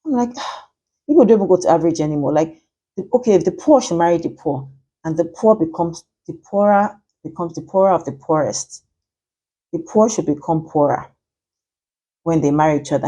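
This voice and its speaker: A woman's voice: low-pitched, moderate pace, pauses often, dark tone, breathy edge. A woman, a matchmaker ranting chattily and with exasperation in a vlog.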